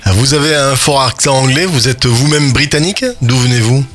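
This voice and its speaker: A man's voice: medium pitch, moderate pace, a bit bright, soft background music. A man working as a radio interviewer, putting questions to a guest.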